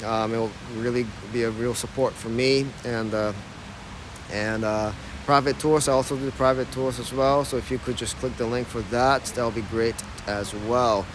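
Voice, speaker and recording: Noise surrounds this medium-pitched, steady voice moving at a moderate pace. It belongs to a thirtysomething American man from Ohio who chats casually, with many fillers, while live-streaming a walking tour outdoors on an old city street, holding a phone camera as he goes.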